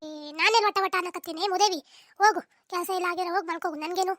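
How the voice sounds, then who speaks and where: A woman's voice: very high-pitched, fairly even intonation, rapid-fire, a bit bright, a little hiss or hum. A woman voicing a complaining, self-pitying elderly mother-in-law in a comic cartoon, bickering and lamenting melodramatically. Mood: scolding.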